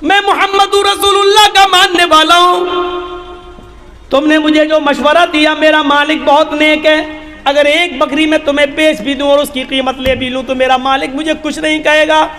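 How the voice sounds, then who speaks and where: A preacher voicing a defiant honest shepherd. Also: male voice, very high-pitched, level tone, bright, forceful tone, faint music behind, exaggerated voice. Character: honest male shepherd, defiant, god-fearing. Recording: long hall reverb.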